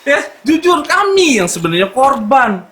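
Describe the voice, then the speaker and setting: A man with a Palembang accent performing a stand-up comedy set, telling his story with big swings between shouts and low asides. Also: very animated, normal speed. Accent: Palembang Malay. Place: stage at a live comedy show. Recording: echoey venue, loud background noise.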